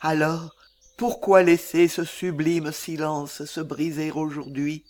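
A loving young noblewoman, played by a man speaks verse for a stage play. The voice sits high for a man and moves slowly. The delivery is earnest and emotional. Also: flat delivery, a little mellow. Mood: pleading.

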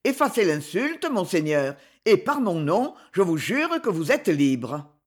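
Raspy male knight, proud and vehement, storybook reading, voiced by the narrator, lively pitch. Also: a little slow. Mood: stern. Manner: solemn, grave, vehement. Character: proud adventurer knight, fierce and wounded in honor.

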